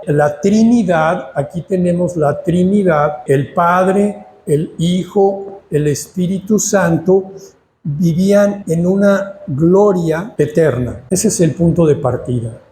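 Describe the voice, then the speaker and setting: Slow, mellow-voiced Mexican Spanish pastor. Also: male voice, high voice, echoey room, a little hiss or hum. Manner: prayerful, unhurried teaching with pauses. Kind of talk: sermon.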